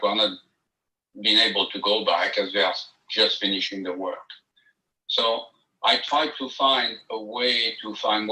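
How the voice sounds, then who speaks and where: A man speaks through a phone on speaker that is held away from the microphone, so his voice arrives distant and echoey. His tone is flat and fairly low but bright and edgy. He halts often, filling gaps with "uh" and restarting sentences as he lays out his grievance. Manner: hesitant, many fillers and restarts. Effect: phone on speaker, held away from the mic. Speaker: property owner presenting a grievance. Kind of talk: halting hearing testimony.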